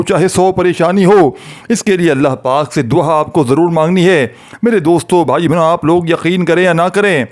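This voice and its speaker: A religious preacher speaks fervently and pleadingly to his viewers in a devotional talk, repeatedly calling out to his friends and listeners. His voice sits a little high for a man, and it turns into an earnest prayer voice when he leads the blessing.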